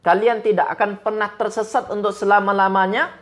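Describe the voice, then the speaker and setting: Male preacher, from Medan, animated sermon delivery, recites Arabic phrases. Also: sits high, brisk. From Medan, Indonesia. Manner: animated preaching, quotes Arabic verses and retells stories. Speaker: Islamic preacher.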